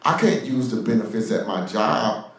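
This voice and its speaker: In a very echoey room and off-mic, a man with an expressive mid-range voice preaches a sermon-style podcast at normal speed. Between scripture readings he slips into sarcastic, mocking asides.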